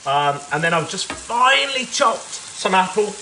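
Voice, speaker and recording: A man's voice: sits high, sing-song, a little slow, noisy background. A man cooking live in his city apartment, chatting in a rambling, casual way, sounding a little stuffy and nasal. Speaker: home cook livestreaming. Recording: sizzling pan behind the voice. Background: food frying in a pan.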